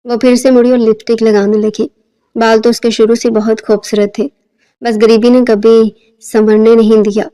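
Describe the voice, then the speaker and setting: Woman narrating a story, flat and mellow. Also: on the high side, clean tone. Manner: steady, even reading.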